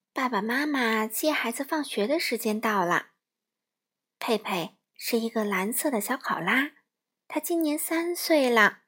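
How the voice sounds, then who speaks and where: Slow high-voiced woman reading to kids. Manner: slow, warm, clearly paced reading. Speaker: storyteller for children. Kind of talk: children's storybook reading.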